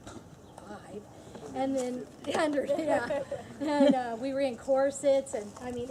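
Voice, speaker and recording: A fairly high-voiced woman recalls her time on set slowly and fondly, laughing between memories. Background noise runs clearly under her voice. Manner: nostalgic, laughing, slow and thoughtful. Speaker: panel guest, former film extra. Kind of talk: convention panel reminiscence.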